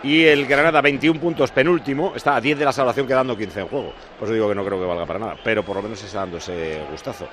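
A man's voice: medium pitch, fast, hardly any pauses, a bit bright, a little hiss or hum. A man with an accent from Spain anchoring a live football radio show, bantering with reporters. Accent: Spanish from Spain.

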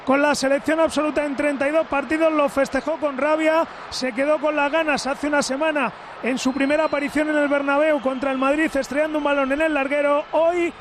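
A man files a pitchside report in a very high, raised voice. He delivers match facts in full sentences, over faint stadium noise. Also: little pitch movement, brisk, fairly bright tone.

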